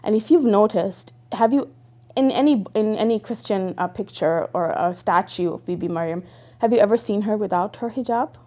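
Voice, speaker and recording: Speaking at a moderate pace, this interviewee has a dark, medium-pitched voice. She's a young woman raised in Dubai, and her personal testimony comes out earnest and reflective, full of fillers and false starts.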